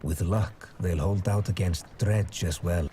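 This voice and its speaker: A man narrating a video game in a slow, grave, scripted delivery. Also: sits low, noisy background.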